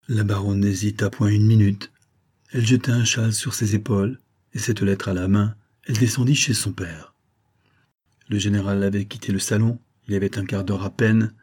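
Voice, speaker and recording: Husky-voiced male audiobook reader. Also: lowish voice. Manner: measured, steady narration. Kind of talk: novel reading.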